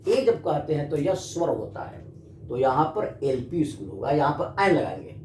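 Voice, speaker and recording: In a classroom grammar lesson, an animated Indian male teacher speaks at a moderate pace in a slightly high voice. He addresses the students and answers his own questions, recorded in an echoey room with faint noise in the background.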